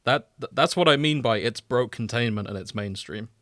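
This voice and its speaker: A man's voice: medium pitch, normal speed, fairly bright tone, no echo. A man co-hosting a podcast in casual, comedic chat, with a wry, dry sense of humour. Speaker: podcast co-host. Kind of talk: casual comedic chat about fan fiction.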